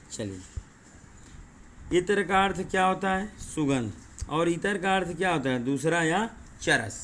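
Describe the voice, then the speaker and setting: A male teacher giving an exam-prep lesson, explaining word pairs slowly and repeating them, often asking rhetorical questions. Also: a little high, a bit bright, a little hiss or hum. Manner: says 'dekhiye' and 'thik hai' often.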